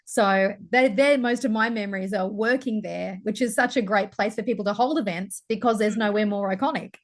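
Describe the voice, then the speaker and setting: A woman singer, a guest, talking in a relaxed, friendly way. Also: medium pitch, brisk. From Australia. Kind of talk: casual chat.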